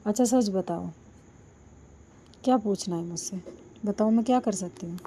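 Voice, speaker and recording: Slow, soft-spoken woman with a sore throat. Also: mid-range voice, slight background noise. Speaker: vlogger. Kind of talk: casual chat to viewers. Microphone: no microphone, built-in device mic.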